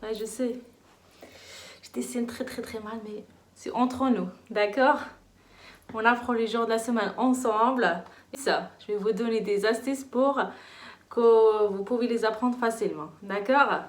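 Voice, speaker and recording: A young woman teaches children in a playful, animated, encouraging voice. She sits a little high for a woman. The room around her is echoey. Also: a little slow. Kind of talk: children's lesson.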